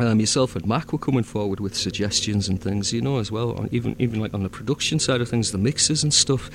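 A man's voice: lowish voice, fast talker, a little hiss or hum. Rambling Northern English man, many fillers. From north of England. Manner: rambling, many fillers and restarts, easy laughter. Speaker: fan audio drama producer. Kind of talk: casual chat.

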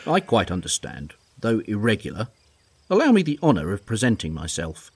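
Man acting a husky, pompous old English major. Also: lowish voice, huge pitch swings, moderate pace, darkish tone, full character voice. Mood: courteous, reserved. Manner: pompous, formal, old-fashioned. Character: courtly, pompous English retired army major, older gentleman. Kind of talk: period audio drama acting.

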